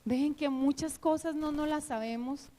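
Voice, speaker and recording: A middle-aged woman preaching at church, telling her own testimony in an emotional, animated way with many fillers. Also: high voice, measured pace, poor audio. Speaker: church teacher. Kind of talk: sermon with personal testimony.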